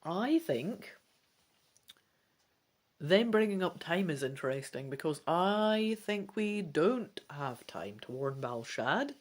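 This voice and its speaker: Reading a gamebook aloud with theatrical flair, a woman breaks off into relaxed, chatty commentary along the way. She speaks slowly in a low, sing-song voice.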